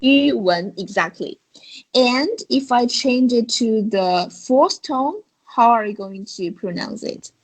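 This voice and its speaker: A woman teaching a beginner language lesson over a video call, her voice breathy and a little high. She talks slowly and patiently, coaxing her student along with questions. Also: expressive, rough recording. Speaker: Chinese teacher.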